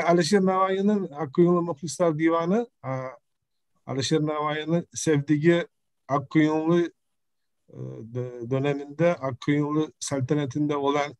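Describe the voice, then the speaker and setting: A middle-aged man with an Uzbek accent giving an academic presentation on a video call, speaking halting, broken non-native Turkish mixed with Uzbek. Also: on the high side, no room sound. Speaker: professor presenting research. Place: indoor room, video call. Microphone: computer microphone on video call.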